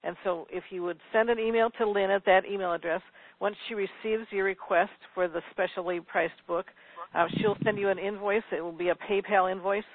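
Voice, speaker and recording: A man with a fairly high voice hosts a conference call, laying out details slowly and deliberately. His voice comes through a narrow, tinny phone line. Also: fairly even intonation, dry recording. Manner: careful and deliberate, spelling things out slowly. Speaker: call host.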